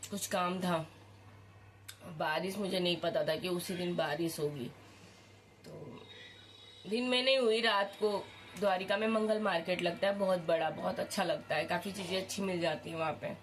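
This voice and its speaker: A woman with a cold vlogging at home early in the morning, speaking softly and slowly so as not to wake anyone. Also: lowish voice, steady tone. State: has a cold. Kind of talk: casual home vlog. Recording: noticeable background noise with vehicles.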